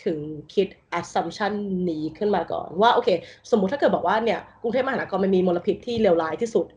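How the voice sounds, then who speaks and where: A woman's voice: mid-range voice, a little fast, darkish tone, lo-fi sound. A woman thinking aloud through a design exercise in casual talk, mixing English terms into her speech, over a video call from home. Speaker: design interview candidate. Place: bedroom at home with a loud roommate. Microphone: computer mic on a video call.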